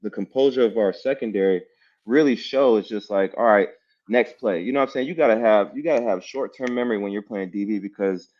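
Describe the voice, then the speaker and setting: A man's voice: on the low side, fast. A man co-hosting a casual sports talk show, talking loosely with lots of "you know" and repeated phrases. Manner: relaxed, repeats himself, many "you know"s. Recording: dull lo-fi sound.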